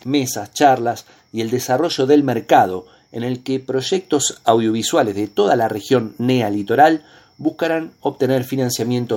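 Male radio reporter, Argentine accent, scripted news narration, soft dark tone. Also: medium pitch.

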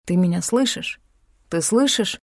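A woman's voice: medium pitch, expressive, unhurried, no room sound, studio quality. A woman reading an audiobook, voicing a nervous man who speaks in clipped, urgent phrases. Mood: worried urgent.

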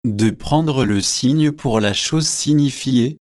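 A stiff young man who is easily shocked speaks in a storybook, voiced by a man reading aloud. He talks slowly and with measured care. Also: medium pitch, a little mellow, no room sound, studio quality, lightly acted. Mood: indignant. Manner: slow, measured delivery.

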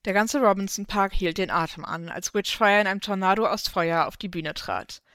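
A woman reading a fan story aloud in steady, even narration, close to the microphone. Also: mid-range voice, moderate pace, no room sound. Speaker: fanfiction reader.

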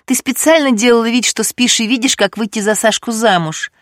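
A woman voicing a sharp young woman who hurls accusations in a raised voice in an audiobook. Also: a little high, fairly quick, dry recording, clean studio sound, voice pushed up, lightly acted. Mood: accusing.

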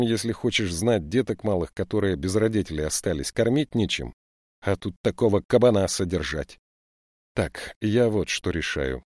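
A man's voice: lowish voice, a little mellow, no room sound, studio quality. A man voicing a strict, stocky woman police lieutenant in an audiobook, scolding and lecturing young thieves. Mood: stern. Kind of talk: audiobook character voice.

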